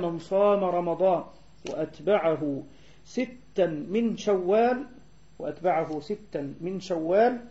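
A man gives a classroom lecture in a mellow, fairly high voice. He explains patiently and slows down to recite verses and spell out letters. The recording is dull and lo-fi. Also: vocal fry. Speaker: teacher of hadith sciences.

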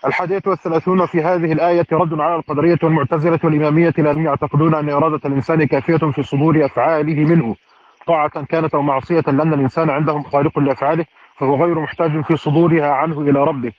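A man reads a classical commentary aloud to his teacher at a quick clip. His fluent, formal reading gives careful vowel endings, and his voice sits a little high. The recording is dull and lo-fi. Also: flat delivery, a little hiss or hum.

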